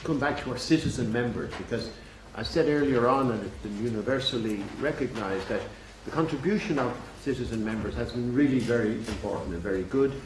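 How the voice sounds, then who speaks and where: A man chairing a public meeting in a measured, courteous, unscripted way. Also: mid-range voice. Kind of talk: unscripted moderating to an audience. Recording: echoey, distant, noisy room with clicks.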